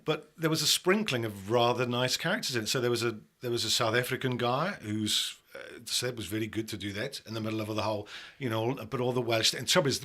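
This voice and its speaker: A man's voice: mid-range voice, fast talker, few pauses. A man from England who works as a voice-over actor and audiobook narrator, chatting casually and telling self-mocking stories. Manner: animated storyteller, self-mocking, laughs often. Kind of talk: casual chat.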